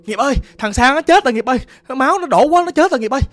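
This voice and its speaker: A storyteller voicing a frantic old grandmother with a Southern Vietnamese accent, shouting and pounding at a neighbor's door. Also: high-pitched, animated, rapid-fire, pitched above the performer's own voice. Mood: frantic pleading.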